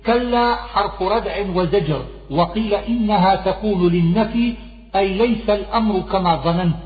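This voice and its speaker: A man with a high voice reads a scholarly glossary aloud, moving through word meanings in a steady, measured way. His voice echoes through a long, roomy hall. The sound is thin and phone-like. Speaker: reader of a Quranic glossary. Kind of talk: reading a scholarly text aloud.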